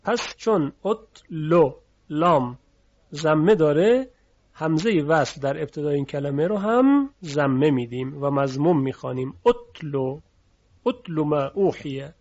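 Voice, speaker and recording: A man explains reading rules in a calm lesson, stopping to repeat each example word slowly. His voice sits a little high. The recording is dull and lo-fi. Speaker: teacher.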